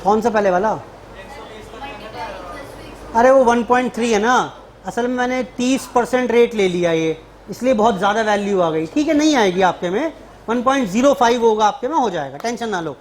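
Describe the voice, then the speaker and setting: High-voiced joking math teacher. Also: male voice, animated, normal speed. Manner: casual, joking teacher who calls students beta. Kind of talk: classroom math lecture. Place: classroom.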